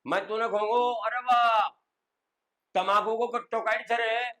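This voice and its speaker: A man's voice: sits high, fairly even intonation, measured pace, fairly bright tone, poor audio. A man with a Rajasthani accent voicing a sly, scheming village headman who lays out his plan in a bossy rant.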